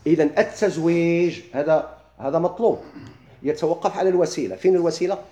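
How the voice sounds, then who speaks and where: A middle-aged man with a Moroccan accent, teaching a classroom lesson. He keeps asking his listeners quick questions and then answers them himself. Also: a little high, mellow, reverberant. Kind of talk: classroom lesson explaining legal theory.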